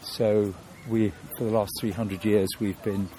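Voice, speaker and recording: A man's voice: lowish voice, flat delivery, measured pace, mellow, slight background noise. A man from London, a guest in an interview, talking thoughtfully with many restarts and fillers.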